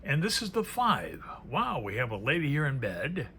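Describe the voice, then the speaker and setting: Reviewing a tarot deck, this presenter speaks off the cuff, thinking aloud and drifting into murmured asides. His medium-pitched voice is bright and forceful, with huge pitch swings at a normal speed, over faint background noise.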